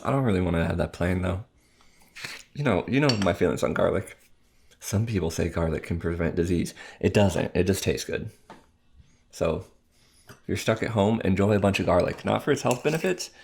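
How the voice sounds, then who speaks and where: A man's voice: sits low, lively intonation, normal speed, vocal fry, a little hiss or hum. A man hosting a home eating video, chatting casually and joking in rambling asides. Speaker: mukbang host. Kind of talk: casual chat while eating on camera.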